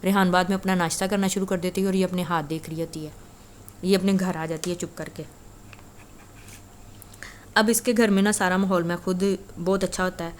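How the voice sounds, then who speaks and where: Woman storyteller, low even voice, relaxed chatty retelling with fillers. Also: pauses often, a little hiss or hum. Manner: chatty, conversational, frequent filler "na". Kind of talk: casual spoken story retelling.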